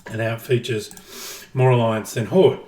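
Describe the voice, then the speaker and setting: A man's voice: medium pitch, fairly even intonation, moderate pace, dark tone. A man co-hosting a casual gaming podcast, explaining his ideas at length with dry jokes. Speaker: podcast co-host. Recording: roomy, distant from the mic.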